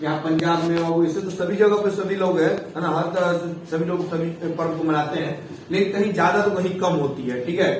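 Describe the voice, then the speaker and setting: Man, civics teacher, casual explaining, slightly high voice, very echoey, distant mic. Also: steady tone, a little fast. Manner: casual, repeats "theek hai" and calls students "babu". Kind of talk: explaining a civics lesson to students. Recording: echoey, far from the mic, faint noise.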